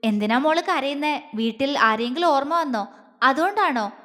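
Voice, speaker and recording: A woman's voice: high voice, expressive, moderate pace, a bit bright, in a large hall. A woman voicing a tender middle-aged father-in-law who coaxes a crying girl. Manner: tender, coaxing.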